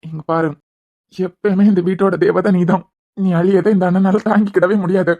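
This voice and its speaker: A woman's voice: fairly low pitch, steady tone, moderate pace, muffled recording. A woman voicing a caring adult elder brother in a cartoon series, speaking in a soothing, tender way with a Kanyakumari Tamil accent. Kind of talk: cartoon web series voice acting.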